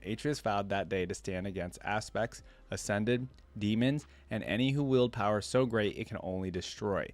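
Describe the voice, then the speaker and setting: With a lowish voice, a reaction-video host shifts back and forth between reading out loud and thinking aloud in relaxed, meandering commentary.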